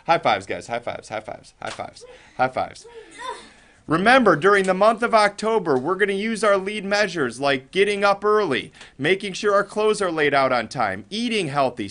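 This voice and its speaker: An American man with a fairly high voice delivers upbeat morning announcements at a school. He addresses the children directly and encourages them as he goes. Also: fairly bright tone. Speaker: elementary school staff announcer and club leader.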